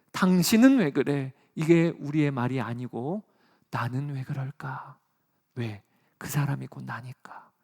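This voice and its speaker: A middle-aged man, a pastor, preaching a sermon with personal stories, swinging between loud emphatic peaks and soft hushed lines. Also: fairly high pitch. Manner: earnest, personal storytelling from the pulpit.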